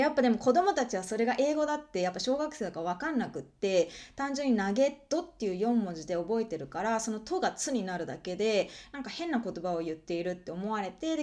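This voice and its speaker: A woman who grew up partly abroad, chatting casually and telling stories with lively quoted voices. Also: mid-range voice. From Japan, lived abroad as a child. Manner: chatty storyteller, acts out quoted voices, laughs often. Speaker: podcast co-host. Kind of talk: bilingual casual chat, English and Japanese.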